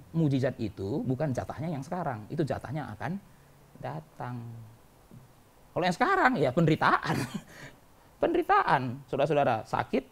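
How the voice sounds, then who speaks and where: A male pastor preaching a sermon in church, animated, mimicking quoted voices and swinging between loud and soft. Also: on the high side, creaky, husky.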